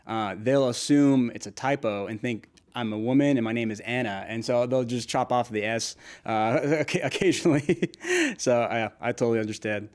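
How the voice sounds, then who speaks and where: A young man from Nashville in the United States, with a medium-pitched voice and normal speed, chats as a guest in a casual interview. He's a food creator who laughs often and restarts his sentences in a friendly, easygoing way.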